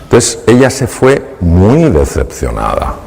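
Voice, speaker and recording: A man's voice: lowish voice, takes it slowly, gravelly, a little hiss or hum. A man with a Spain Spanish accent, a doctor giving a talk, telling a story animatedly and acting out the dialogue on a clip-on mic in a large hall. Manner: animated, laughing storyteller who acts out dialogue.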